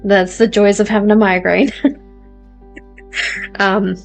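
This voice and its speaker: A chatty woman hosts a live stream and talks casually with viewers, often laughing at herself as she goes. Her voice sits at an ordinary middle pitch. Faint music plays softly underneath. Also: flat delivery, slow pace, vocal fry. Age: adult. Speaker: tarot reader and livestream host. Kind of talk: casual chat reading out viewer comments.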